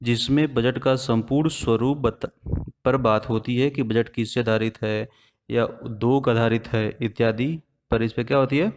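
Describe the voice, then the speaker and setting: A man gives an exam-prep lesson. He moves step by step, often putting a question to the class and then answering it himself. His voice sits at an ordinary middle pitch. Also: steady tone, unhurried, darkish tone. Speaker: teacher.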